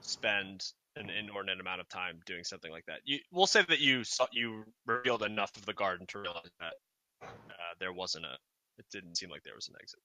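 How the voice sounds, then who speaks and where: A man's voice: deep voice, expressive, fairly quick, sharp tone. A man narrating as game master in a tabletop game, hesitant and full of fillers.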